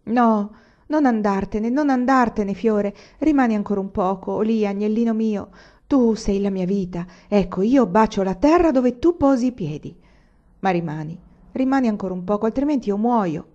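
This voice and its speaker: A woman's voice: medium pitch, normal speed, warm tone, natural voice. A woman reading the part of a young man in love, pleading tenderly in a storybook. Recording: slightly dull lo-fi recording.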